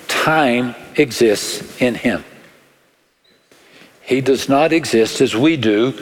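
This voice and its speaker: A male pastor with a West Texas accent delivers a sermon in a big, echoing hall. He takes his time, speaking very slowly in short, deliberate phrases and leaving dramatic pauses between them. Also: medium pitch. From West Texas, United States. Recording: long echoing reverb of a large hall.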